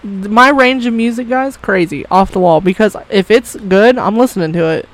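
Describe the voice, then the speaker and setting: A woman's voice: mid-range voice, normal speed, poor audio. Woman, podcast co-host, casual chat, blunt, swears a lot, laughs often. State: coughing briefly.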